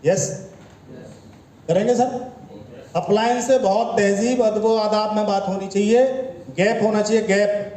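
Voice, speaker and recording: Male business trainer, high and mellow voice, lecturing style with rhetorical questions, recorded in an echoey room. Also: flat delivery, a little slow, pauses often. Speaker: network marketing trainer. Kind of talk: motivational training talk. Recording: echoey room with faint ambience.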